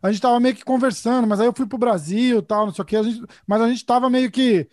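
Young guy co-hosting, high fast voice, dry close sound. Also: fairly even intonation, darkish tone, no room sound. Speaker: podcast co-host. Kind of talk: casual chat.

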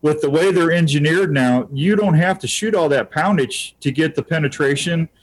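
A man's voice: on the high side, moderate pace. A man talking as a podcast guest, explaining hunting methods step by step in a folksy, casual way. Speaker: podcast guest, turkey bowhunter. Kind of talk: casual interview chat.

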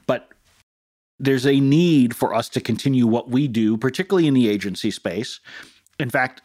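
A man co-hosting a business podcast in casual chat, with measured delivery and dry jokes. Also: mid-range voice, no room sound. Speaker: podcast co-host.

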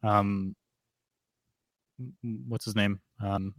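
A man co-hosting a sports podcast in casual chat, sometimes reading text aloud in a flat, measured way. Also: fairly low pitch, no room sound, clean studio sound. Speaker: podcast co-host.

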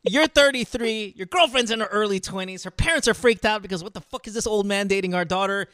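A man's voice: high-pitched, quick pace, pushed and bright, no echo, studio quality. A man hosting a call-in advice show, blunt, impatient and heavy on profanity. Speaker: radio show host.

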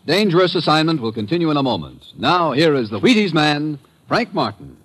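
Old time radio announcer guy, big up-and-down delivery, loud music behind him. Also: a little high, very animated, brisk. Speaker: show announcer.

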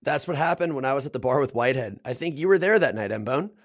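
Man, podcast host, mid pitch, swears a lot, dry close mic. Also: fast talker, no echo. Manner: swears freely, excitable storytelling. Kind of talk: casual storytelling chat.

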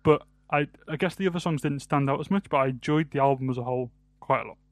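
Podcast co-host: British man, early 20s, th-fronting to f, halting casual delivery, dry recording. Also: on the high side, dry recording. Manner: th-fronting, says th as f; hesitant, self-correcting. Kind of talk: casual album review chat.

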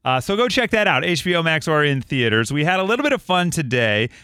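A man's voice: fairly high pitch, sing-song, quick pace, pushed and bright, smooth, no echo, studio quality. A man hosting a radio podcast in casual chat, upbeat and enthusiastic.

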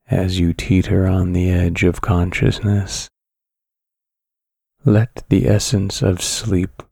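Male sleep story narrator, calm and soothing, low-pitched, very even intonation, long pauses. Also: vocal fry, slightly rough, dry recording, clean studio sound.

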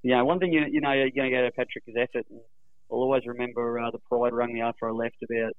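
A man's voice: mid-range voice, little pitch movement, rapid-fire, no room sound, narrow, tinny audio. An Australian man giving a casual radio interview over the phone, matey and rambling in his phrasing. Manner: rambling, matey, repeats "you know". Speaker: rugby league club guest.

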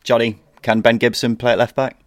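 A man's voice: mid-range voice, level tone, fairly quick, no echo, clean studio sound. A man hosting a casual football discussion, putting questions to his guests in a chatty way. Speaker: host. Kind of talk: casual sports chat.

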